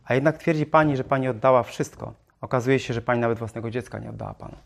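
A man reading the lines of a calm missionary who questions a woman. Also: medium pitch, quick pace, vocal fry, pitched below the performer's own voice, lightly acted. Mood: reproachful. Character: calm probing male missionary.

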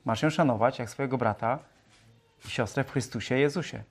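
A man preaching a sermon in a lively way, reading scripture aloud in a raised voice and joking with rhetorical questions. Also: medium pitch, fairly quick, breathy edge, soft background music. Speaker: pastor.

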